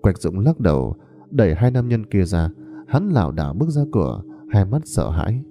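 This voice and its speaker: A man narrating a ghost story with a dark, mellow, low voice and lively, swinging pitch. Faint music plays behind him. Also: moderate pace. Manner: dramatic, expressive.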